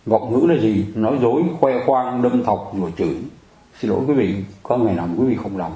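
A man's voice: mid-range voice, a little fast, dark tone, roomy sound, poor audio. Man preaching. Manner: conversational, addresses the audience often, jokes and laughs. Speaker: Buddhist preacher. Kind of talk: dharma talk sermon.

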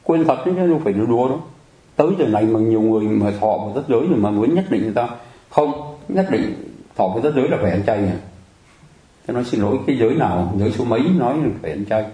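A man's voice: on the low side, expressive, fast talker, warm tone, roomy sound, rough recording. Man preaching. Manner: conversational, addresses the audience often, jokes and laughs. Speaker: Buddhist preacher. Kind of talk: dharma talk sermon.

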